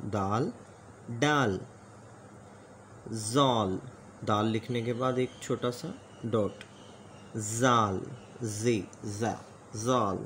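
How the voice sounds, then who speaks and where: Patient and polite, a man teaches the letters of a script, sounding each one aloud so the learner can repeat it, and he says "ji janab" often. His voice is lowish and fairly bright, very slow with frequent pauses, and a little hiss or hum runs underneath this slow alphabet lesson.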